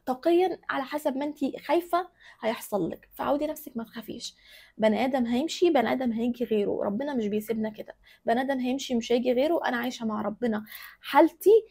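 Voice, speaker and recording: A woman's voice: a little high, mellow, breathy edge. A woman with an Egyptian accent giving relationship advice to women viewers in a direct, emphatic way, repeating her key phrases. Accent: Egyptian Arabic.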